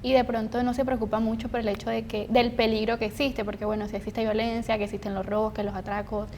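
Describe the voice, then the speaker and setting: A woman's voice: little pitch movement, quick pace, a little mellow. A woman co-hosting a podcast, discussing casually in a wordy, explanatory way. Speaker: podcast co-host. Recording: noisy, low rumble behind voice. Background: rumbling background noise.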